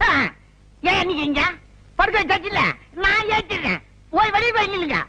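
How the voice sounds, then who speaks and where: A man's voice: very high-pitched, animated, a little fast, bright, forceful tone, full character voice. An actor playing a boastful, eccentric male doctor who claims to have invented everything, in a theatrical film comedy. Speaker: quack doctor. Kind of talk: 1990s film comedy acting.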